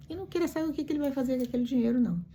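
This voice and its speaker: Mellow-voiced woman preaching emphatically. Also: high voice, racing, slight background noise. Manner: emphatic storytelling with rhetorical questions. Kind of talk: morning devotional reflection.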